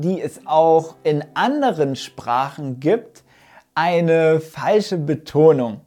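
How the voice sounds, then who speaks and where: A woman teaching German pronunciation in an online lesson, modeling words slowly and clearly, syllable by syllable. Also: on the low side, mellow.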